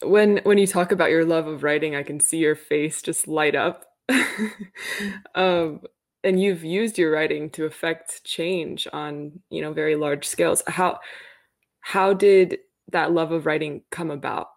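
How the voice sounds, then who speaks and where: Lower-voiced woman interviewer. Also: steady tone. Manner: thoughtful, measured questions with fillers. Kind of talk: conversational interview.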